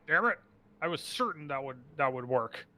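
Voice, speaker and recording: Man doing a hulking gorilla-like wizard, indignant, pleading, high and forceful. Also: animated, normal speed. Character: hulking gorilla-like male wizard, trapped and furious.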